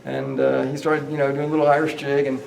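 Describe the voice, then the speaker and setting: A man's voice: mid-range voice, monotone, fast, gravelly, darkish tone, recorded from a distance, a little hiss or hum. A man guiding a ghost tour through a hotel, telling stories in a rambling way with many fillers and restarts. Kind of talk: guided tour storytelling. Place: hotel hallway. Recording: echoey hallway, voice off-mic.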